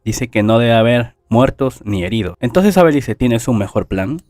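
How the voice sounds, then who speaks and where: A man's voice: medium pitch, expressive, normal speed, a little mellow, no echo. Guy retelling an anime plot, chatty asides, dry close mic. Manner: retells plot, reads character lines without acting them; adds casual asides and self-corrections. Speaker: anime story narrator. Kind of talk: casual story recap narration.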